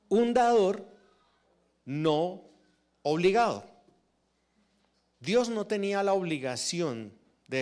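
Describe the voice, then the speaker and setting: A man preaching a sermon in a church, teaching through rhetorical questions to the congregation. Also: on the high side. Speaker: pastor.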